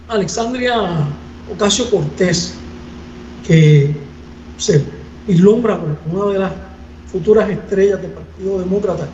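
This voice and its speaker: Male lecturer, higher voice, hesitant and measured, heard distant and echoey. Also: mellow. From Puerto Rico. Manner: measured, thoughtful, frequent hesitations. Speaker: guest lecturer. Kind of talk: academic seminar answer. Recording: distant roomy muffled recording with faint noise.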